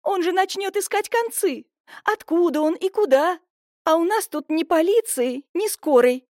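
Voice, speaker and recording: A bustling, scheming middle-aged village woman, voiced by a woman reading a story aloud. She fusses and exclaims, her voice lifted well above the reader's own and pushed loud. The sound is dry and close, with no room echo. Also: very high-pitched, animated, voice pushed up. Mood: fussy. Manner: fast, fussy, exclamatory.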